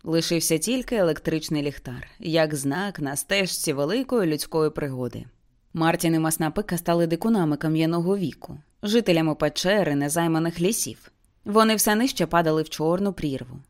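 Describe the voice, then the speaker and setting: Woman, lowish voice, intense audiobook narration, dramatic, deliberate. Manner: intense, slows for grim moments. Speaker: audiobook reader.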